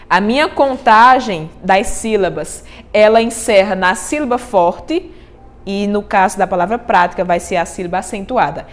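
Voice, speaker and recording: A woman with a Brazilian Portuguese accent gives a lesson on composing verse. She has a middle-pitched voice and moves through each rule patiently, one step at a time. She keeps turning to her listener with quick questions to check they are following. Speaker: cordel poet and teacher. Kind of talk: explanatory lesson on writing verse.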